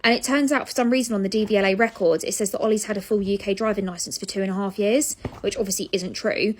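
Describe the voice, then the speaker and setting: A woman's voice: mid-range voice, steady tone, quick pace. Chatty young British woman venting. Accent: British English. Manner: chatty, exasperated, swears casually. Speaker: vlogger. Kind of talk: casual storytelling to camera.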